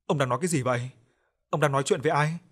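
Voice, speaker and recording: A man's voice: fairly high pitch, rapid-fire, a bit bright, husky. A man voicing a grieving mother who speaks through tears, in an audio story. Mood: tearful. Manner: tearful, crying. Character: grieving mother, crying out for her son.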